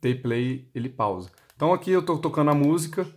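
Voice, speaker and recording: Animated and fast-talking, this man with a Brazilian accent has a darkish voice on the high side. Demonstrating a motorcycle intercom for its seller, he works step by step, asking and answering his own questions.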